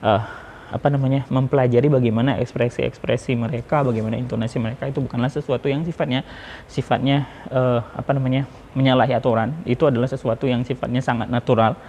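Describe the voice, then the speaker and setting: A man giving a relaxed lesson on preaching technique, talking in a chatty way with many fillers and restarts. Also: medium pitch, fast, slight background noise. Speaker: public speaking teacher. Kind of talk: informal lesson on preaching delivery.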